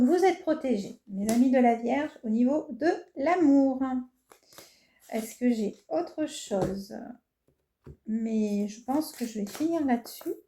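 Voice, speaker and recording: A woman's voice: on the high side, mellow. A woman giving a casual horoscope tarot reading, hesitant and reassuring, with frequent fillers. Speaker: tarot reader. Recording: echoey room with faint noise.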